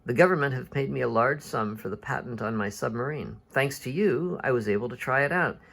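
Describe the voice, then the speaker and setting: Mild eccentric professor played by a male storyteller: lifted pitch, courteous, earnest, oblivious to everyone. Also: brisk, gravelly, a bit bright. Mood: cheerfully helpful. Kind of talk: storybook character voice.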